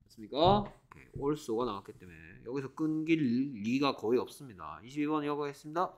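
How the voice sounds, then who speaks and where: A man teaching an exam-prep English class to Korean students. He reads English sentences slowly, explains them, and keeps asking the class whether they follow. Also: medium pitch, lively intonation. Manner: repeats checking questions, reads English slowly then explains.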